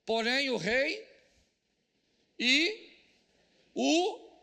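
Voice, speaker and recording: On stage at a business event in a large hall, a pastor with a Brazilian Portuguese accent delivers a comedic sermon, loud and joking, and mimics people praying. His voice sits high for a man, with heavy gravelly fry and a bright, sharp tone, and his delivery is very animated yet very slow.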